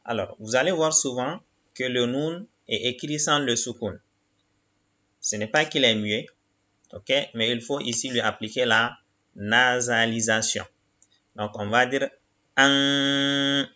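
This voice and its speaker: A man's voice: normal speed, lo-fi sound. A man teaching a reading lesson, patiently sounding out syllables one by one and explaining each rule step by step. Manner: calls out syllables louder and higher than his explanations.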